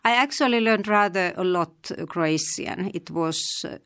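A middle-aged woman from eastern Finland with a Finnish accent, a language teacher answering interview questions thoughtfully, with many pauses and restarts. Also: lowish voice, fairly bright tone.

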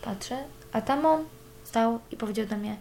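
A woman's voice: a little high, normal speed, creaky, a little mellow, slight background noise. A young woman giving a candid personal account, cursing freely as she talks. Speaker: interviewee.

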